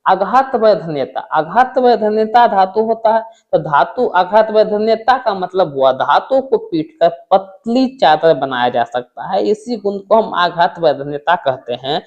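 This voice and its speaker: A man's voice: sits high, lively intonation, a little slow, hardly any pauses, muffled recording. A male teacher giving an exam-prep chemistry lesson, asking questions and answering them himself.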